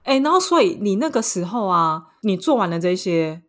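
A woman with a Taiwanese Mandarin accent co-hosting a casual podcast chat, telling a story with lively swings between hushed and excited delivery. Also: medium pitch, moderate pace. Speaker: podcast co-host.

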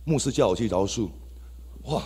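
A man with a Taiwanese Mandarin accent gives an exclamatory testimony sermon to a church congregation, speaking directly to the listeners. His voice is fairly low, husky, and dark-toned, animated at a moderate pace. The church hall makes the recording reverberant.

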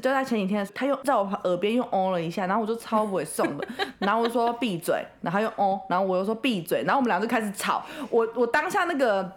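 A woman's voice: mid-range voice, quick pace, few pauses. A young woman, co-hosting a casual chat and telling a funny story with quoted voices. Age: young adult. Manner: animated storytelling with frequent laughter and quoted voices.

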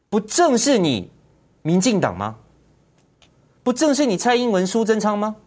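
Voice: medium pitch, a little mellow. A political commentary host, ranting indignantly in heated commentary and firing off repeated rhetorical questions.

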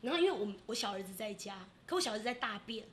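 A middle-aged woman with a Taiwanese Mandarin accent, co-hosting a podcast and telling a family story in an animated way, often acting out her relatives' voices. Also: mid-range voice, rapid-fire. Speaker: podcast co-host.

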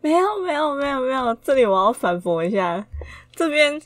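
A woman's voice: high-pitched, expressive, dry recording. A woman co-hosting a podcast, teasing her co-host and pushing back in a casual chat. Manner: quick, teasing, argues her side back.

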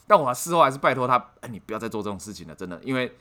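A man's voice: mid-range voice, rapid-fire. A man, co-hosting a casual podcast chat and telling stories with lots of swearing and laughter. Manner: animated storytelling with frequent swearing and laughter. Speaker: podcast co-host.

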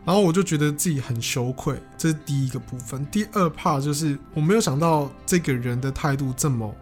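A young man tells his own story in a vlog. He talks earnestly, stumbles and repeats words as he goes, and his voice sits somewhat high for a man. Faint music plays under him. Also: a little fast. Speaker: vlogger. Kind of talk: personal storytelling.

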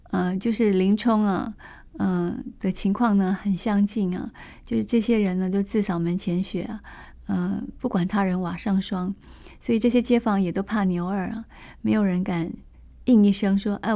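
A woman retells an old classic novel in a relaxed, chatty way, full of small fillers and asides. Her voice sits at an ordinary mid pitch for a woman. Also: moderate pace. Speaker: storyteller.

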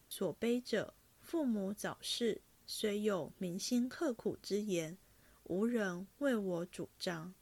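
A woman reading a classic novel aloud in a measured, even storytelling voice. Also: medium pitch.

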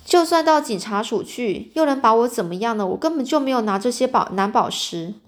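As a woman reads the story aloud, a sullen young man denies the theft defensively and pushes back against his father. His voice runs a little high for a young man. It is a plain storybook reading rather than a big performance. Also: animated, a little fast, close to an everyday voice. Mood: defiant. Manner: defensive, pleading then defiant.

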